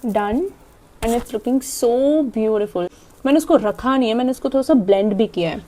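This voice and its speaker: Young Indian woman, makeup vlogger, mellow tone, quick chatty delivery with swallowed words. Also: on the high side. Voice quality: talks fast and swallows half her words. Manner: chatty, demonstrating while applying makeup. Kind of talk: casual makeup tutorial, Hindi-English mix.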